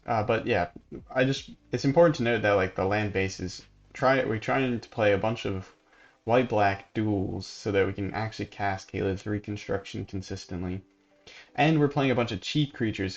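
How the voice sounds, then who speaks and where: A man hosting a gaming channel, casually commenting on gameplay and thinking aloud in a relaxed, sleepy way. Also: lowish voice, highs cut off. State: sleepy, yawning.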